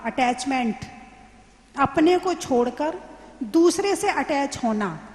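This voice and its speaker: A woman, a Jain nun, giving a sermon, quizzing her listeners and answering her own questions in a slow, teacherly way. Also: sits high. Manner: questions the audience and answers herself; slow, teacherly explaining with examples. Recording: roomy hall with long reverb.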